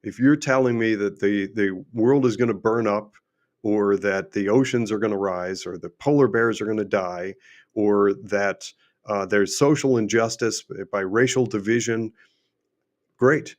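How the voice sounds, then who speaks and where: A middle-aged man, a host and finance adviser, delivers an unscripted livestream monologue in a lowish voice at a measured pace. He speaks emphatically and repetitively, firing off rhetorical questions, and he's losing his voice.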